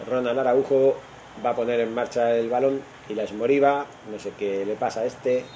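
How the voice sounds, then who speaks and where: A man with a Spanish accent from Spain does casual, improvised football commentary on an online radio stream, informal and opinionated, thinking aloud and correcting himself as he goes. His medium-pitched voice is warm, with fairly even intonation and a moderate pace. The audio has the highs cut off and slight background noise.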